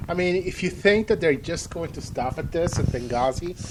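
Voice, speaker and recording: A man's voice: fairly high pitch, animated, normal speed. A man hosting his own podcast, ranting off the cuff in an indignant, rambling way with many fillers and restarts. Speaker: podcast host. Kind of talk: impromptu political rant. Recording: hissy lo-fi podcast audio.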